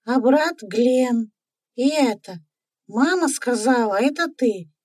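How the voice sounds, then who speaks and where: A woman's voice: on the high side, animated, slow, a little mellow, no echo, studio quality. A woman voicing a lisping little boy of about five. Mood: shy.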